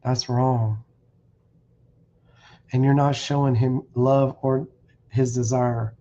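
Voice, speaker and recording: A man with a medium-pitched, level, dark voice preaches bluntly and slowly on a stream, warning listeners and reading verses aloud with restarts. It's streamed scripture teaching through a streaming setup, and the audio sounds dull.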